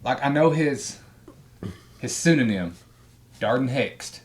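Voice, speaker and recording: A man's voice: mid-range voice, lively intonation, slow pace. A middle-aged man, co-hosting a casual podcast chat, rambling and chuckling often. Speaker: podcast co-host and author.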